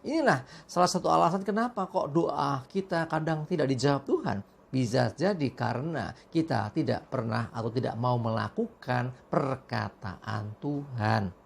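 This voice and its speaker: A woman leading a morning devotion, praying and reading scripture slowly, then explaining it in an earnest, emphatic way. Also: a bass voice, gravelly. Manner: earnest, slow deliberate reading, brisker emphatic asides.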